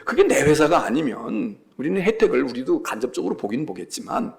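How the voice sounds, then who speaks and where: A man's voice: on the high side, big pitch swings, a little fast, gravelly. A male senior pastor giving a Sunday sermon in a church, conversational and emphatic, repeating key phrases.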